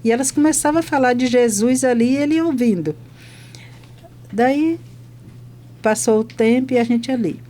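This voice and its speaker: Mellow-voiced woman chaplain telling stories. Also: on the high side, moderate pace, pauses often. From Brazil. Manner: lively retelling that acts out both sides of conversations. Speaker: hospital chaplain. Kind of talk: podcast testimony storytelling.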